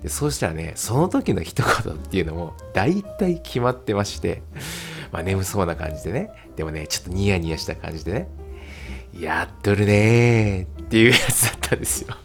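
Here the solo podcaster, an English teacher, talks fast with music playing in the background. He's chatty and lively in pitch, laughing often and leaning on lots of fillers.

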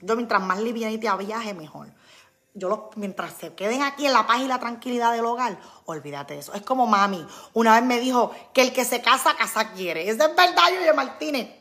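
A woman's voice: a little high, fairly quick. A woman, hosting a casual live talk and acting out what friends say to her. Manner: animated, acts out quoted friends. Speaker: podcast host.

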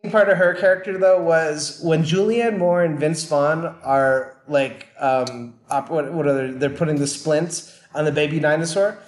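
A man's voice: fairly high pitch, fairly even intonation, moderate pace, few pauses. A man co-hosting a podcast, chatting casually and wryly about movie plot holes. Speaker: podcast co-host. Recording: roomy echo.

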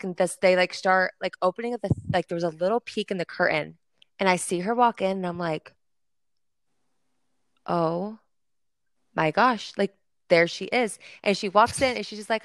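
A woman's voice: mid-range voice, fairly quick, no room sound. A young woman co-hosting a podcast, telling a long story in casual chat with lots of fillers. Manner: chatty, filler-heavy storytelling. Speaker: podcast co-host.

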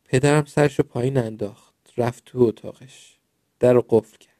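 Mellow male storyteller reading children's tales. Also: mid-range voice, fairly even intonation, no room sound, clean studio sound.

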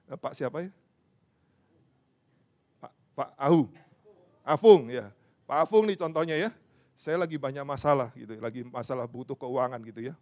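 A man preaching a sermon to a congregation, often asking for amens and applause and acting out everyday conversations. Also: on the high side. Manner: acts out everyday dialogue to make a point.

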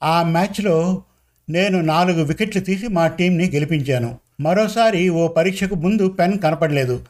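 A man narrating a first-person story in a measured, conversational storytelling manner. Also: a little high, darkish tone.

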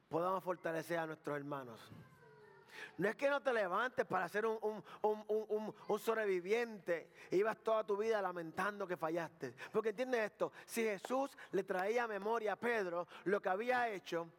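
A male pastor preaching a sermon, repeating phrases, asking the congregation questions and acting out the words of biblical figures. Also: high-pitched. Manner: acts out dialogue between Jesus and Peter.

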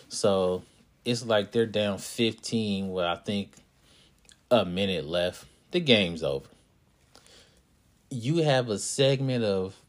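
A man who hosts a podcast and coaches youth basketball, telling a story in a casual, animated way and speaking straight to his listeners. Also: lowish voice. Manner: animated, talks to listeners directly.

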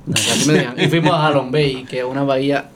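Animated Puerto Rican man, joking. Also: mid-range voice, quick pace, a loud crowd. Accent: Puerto Rican Spanish. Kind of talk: casual chat.

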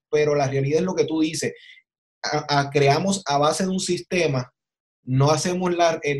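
A man's voice: on the high side, darkish tone. A man hosting a conversation on faith, speaking in an emphatic, preaching way with rhetorical questions and repeated phrases. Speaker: host.

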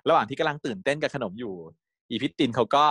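A man's voice: medium pitch, fast talker, fairly bright tone, breathy edge, no echo, clean studio sound. Chatty man recapping a series. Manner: chatty, laughing, acts out scenes. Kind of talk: casual recap talk.

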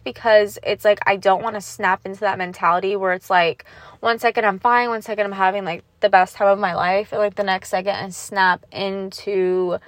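A woman's voice: mid-range voice, no echo. Young woman venting on her podcast, swears a lot, says like and um constantly, dry close sound. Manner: blunt, heavy swearing, lots of fillers; raw, vulnerable, holding back tears. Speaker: podcast host. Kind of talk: candid solo podcast monologue.

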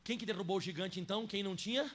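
A male pastor with a Brazilian Portuguese accent delivers a lively sermon in a church. His voice sits high for a man, dropping to quiet asides and then rising into loud, emphatic declarations. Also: racing. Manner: animated preaching, swings from soft asides to loud emphatic declarations. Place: church sanctuary.

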